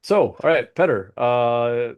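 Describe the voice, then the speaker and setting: A middle-aged man co-hosting a podcast in casual, jokey banter, a bit sleepy and quick to poke fun at himself. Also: mid-range voice, expressive, clean tone, narrow, tinny audio. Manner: jokey, self-deprecating, laughs often. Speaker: podcast co-host.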